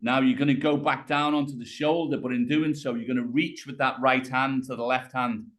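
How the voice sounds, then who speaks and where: A British rehab coach in his 50s talks a client through an exercise over a video call, encouraging and patiently cueing each movement step by step while calling them "mate." His voice is mid-range, steady in tone and brisk. He's in a room at home, on the floor, and the audio comes through the webcam.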